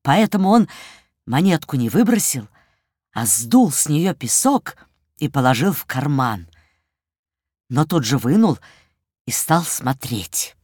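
Lively woman reading a children's story. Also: low-pitched, takes it slowly, long pauses, no room sound, studio quality. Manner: expressive, animated storytelling. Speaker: narrator.

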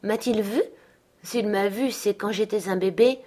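A woman reading aloud, voicing a frail, timid young boy who speaks softly and wistfully. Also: mid-range voice, unhurried, lightly acted. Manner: soft, murmuring.

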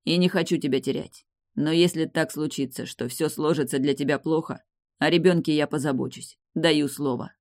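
A reader voicing a steady, loving man who speaks calmly and seriously, in an audiobook with a dry sound. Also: on the high side, moderate pace, no room sound, natural voice. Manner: calm, serious, persuasive. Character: steady, loving man, a grieving woman's partner. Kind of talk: audiobook dialogue reading.

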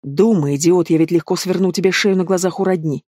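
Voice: mid-range voice, fairly even intonation, brisk, warm tone, no room sound, studio quality, lightly acted. A reader voicing a sneering male demon. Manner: taunting, theatrical. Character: mocking cruel male demon, sardonic.

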